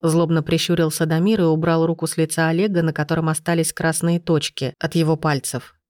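Brief: female audiobook narrator, lowish voice, dry close sound. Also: level tone, a little fast, darkish tone, dry recording. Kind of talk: scripted narration.

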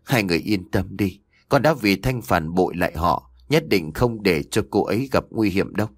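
A man doing a calm loyal young husband. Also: deep voice, moderate pace, dry recording, studio quality. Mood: earnest. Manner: calm, reassuring.

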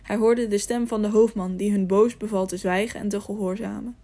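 A woman narrating a children's storybook in a calm, measured way. Her voice is mellow and warm, sitting at an ordinary middle pitch. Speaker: audiobook narrator.

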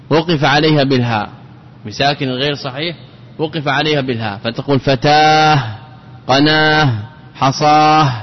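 Man teaching grammar in a reverberant hall. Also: a little high. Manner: explains by repeating key phrases and asking the class rhetorical questions. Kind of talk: classical Arabic grammar lesson. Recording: dull lo-fi lecture recording with long hall reverb.

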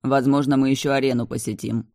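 A man's voice: mid-range voice, level tone, quick pace, mellow, no echo, clean studio sound, natural voice. A reader voicing a cold, menacing powerful man who answers curtly in an audiobook. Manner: icy, curt, venomous. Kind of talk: audiobook dialogue.

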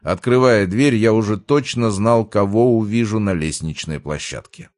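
A man narrating a novel in the first person with a steady storytelling tone. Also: lowish voice, moderate pace, no echo, studio quality. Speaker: audiobook narrator.

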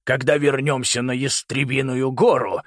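A man's voice: mid-range voice, little pitch movement, moderate pace, no echo, clean studio sound, close to an everyday voice. A man voicing a ruthless older grandfather, lord of birds, with a menacing, sneering manner. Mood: mocking. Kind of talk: audiobook character voice.

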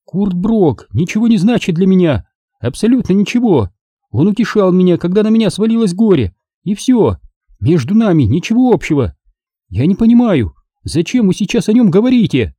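A man voicing a rich, indignant middle-aged woman who protests in a shrill, squealing voice. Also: very animated, moderate pace, warm tone, husky, no echo, exaggerated voice.

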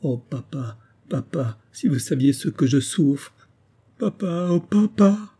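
A man's voice: fairly high pitch, animated, takes it slowly, dark tone, breathy edge, pitched above the performer's own voice, full character voice. A man reading an audiobook voices a grieving young woman, sobbing and pleading for her father.

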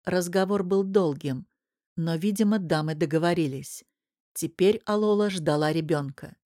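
A woman narrating an audiobook in an even, measured storytelling manner. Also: lowish voice, no echo, studio quality. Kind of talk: scripted narration.

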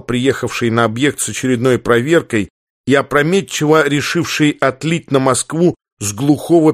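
A man reading a story aloud in a steady, plain narrating voice. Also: medium pitch, no echo, studio quality. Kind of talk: audiobook narration.

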